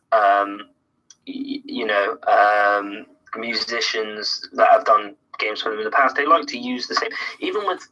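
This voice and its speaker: A man's voice: lowish voice, bright, forceful tone, husky, muffled recording. A man chatting casually as a guest on a gaming podcast, enthusiastic and fond of jokes he takes right back.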